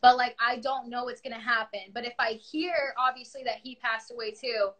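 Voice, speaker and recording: Young woman, New York accent, fairly high voice, casual livestream chat, lively and candid. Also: normal speed. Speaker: musician interviewed on a livestream.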